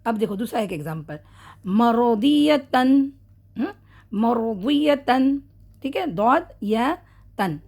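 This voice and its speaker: A woman teaching Quran recitation rules in a casual online lesson, explaining step by step, often checking in with her students, correcting her own slips and slowly modelling drawn-out example words. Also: medium pitch, very animated, slightly rough.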